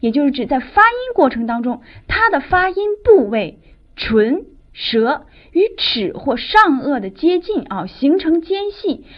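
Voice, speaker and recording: A woman teaching a phonetics lesson, explaining sounds in a lively, explanatory classroom manner. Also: sits high, measured pace. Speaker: English teacher. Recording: dull lo-fi recording.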